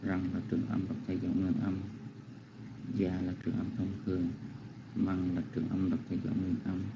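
A man reciting a Pali verse and explaining its syllable lengths in a slow, careful, deferential manner over an online call. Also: low voice, monotone, creaky. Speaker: student reciting scripture. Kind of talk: chanting and analyzing a Pali verse. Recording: dull online call audio with loud noise.

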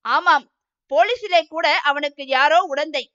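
A woman's voice: high voice, measured pace, sharp tone, muffled recording. A woman voicing an older male village trustee gossiping about a local rogue, in a storybook reading. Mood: gossipy.

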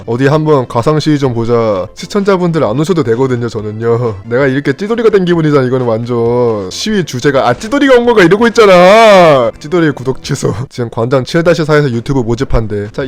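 A man's voice: mid-range voice, lively intonation, a little fast, few pauses, darkish tone. A young man, a gaming YouTuber, chatting and teasing his viewers while commenting on his gameplay.

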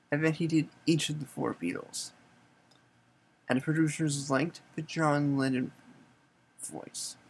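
Guy with a gravelly husky voice, general american accent, explainer video host talking plain. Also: on the high side, rough recording. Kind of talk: explainer monologue.

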